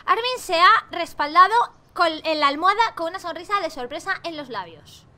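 Young woman from spain doing gaming commentary, super high bright voice, jokey and animated, swears for fun. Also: normal speed. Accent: Spain Spanish. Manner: animated and jokey, swears playfully, laughs often. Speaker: gaming YouTuber. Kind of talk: let's play commentary of a dating game.

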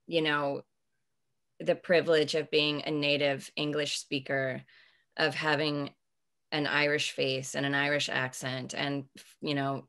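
Her bass voice carries vocal fry and a fairly bright tone as this forties-aged author takes interview questions on a video call. She speaks from a home room with bookshelves through her webcam, pausing to search for thoughts, restarting and using many fillers.

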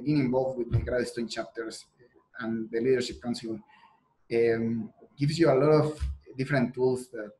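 A young Mexican man, a PhD student and native Spanish speaker with a Mexican Spanish accent, is a guest answering interview questions over a video call from an indoor room. His medium-pitched, darkish voice comes through on poor audio. He responds earnestly but restarts often and uses lots of fillers.

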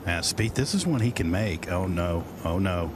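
A man's voice: sits low, expressive, moderate pace. A man giving live golf commentary, reacting to shots as they unfold. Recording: clear outdoor background noise.

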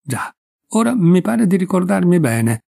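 A man's voice: sits high, big pitch swings, a little slow, creaky, darkish tone, dry recording, clean studio sound, voice pushed up, exaggerated voice. A man reading the lines of a shy, polite young male painter, hesitant and eager to please.

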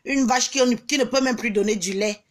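A woman ranting on her vlog, taunting and mocking, with bursts of shouting and scornful laughter. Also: on the high side, a little fast. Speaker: vlogger. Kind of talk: angry social media rant.

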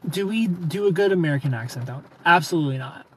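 Expressive and fast, with a fairly high pitch and bright tone, a man in his thirties jokes through a live stream from his car at night amid neon lights. He reads viewers' comments, laughs frequently into the nearby phone, and a faint hiss or hum runs under the audio.

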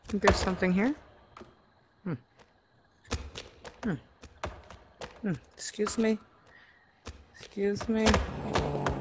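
A woman's voice: low voice, background noise. A woman casually commenting as she plays a VR game, muttering to herself, often swearing and sometimes dropping to a whisper. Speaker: VR game player.

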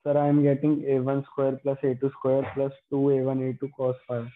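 A man's voice: mid-range voice, completely flat delivery, moderate pace, narrow, tinny audio. A male student, answering his teacher in a lesson.

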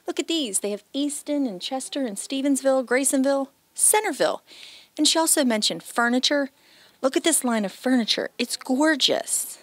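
An American woman in her thirties hosts a local shopping show from a small home decor shop, speaking to camera through a handheld microphone. Her voice sits high and animated at normal speed, chatty and enthusiastic in its upbeat promotional delivery. The recording is dry.

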